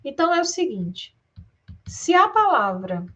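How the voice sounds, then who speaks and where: Very animated and a bit bright, a woman's high-pitched voice moves slightly slowly through an exam-prep grammar lesson. She has a Brazilian Portuguese accent, drags words out syllable by syllable, and speaks directly to students with rhetorical questions.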